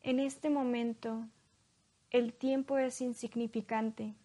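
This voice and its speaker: A woman leading a guided hypnosis in a slow, soothing hypnotist voice, leaving long pauses between phrases. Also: a little high, steady tone, warm tone.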